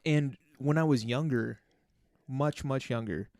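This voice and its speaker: A man's voice: medium pitch, a little slow, a little mellow, no room sound. Earnest man, dry studio podcast voice. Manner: earnest, careful explaining with frequent fillers. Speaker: podcast co-host. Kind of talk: casual podcast chat.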